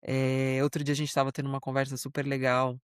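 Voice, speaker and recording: This Brazilian Portuguese-accented podcast co-host speaks with an extremely low pitch, a completely flat delivery and a fast pace, her tone clean and the studio sound free of room noise. Chatting casually with friends, she tells stories in a warm, proud, easygoing way, filled with fillers.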